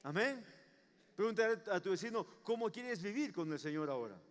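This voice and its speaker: High-voiced man preaching in a reverberant hall. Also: animated, a little fast. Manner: emphatic preaching with repeated rhetorical questions. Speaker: pastor. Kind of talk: sermon.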